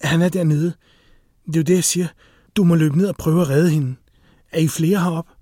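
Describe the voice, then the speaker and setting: A man voicing a terrified, frantic woman in a dramatized audiobook reading, shrill and pleading. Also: fairly even intonation, dark tone, no room sound, clean studio sound, natural voice. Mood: desperate.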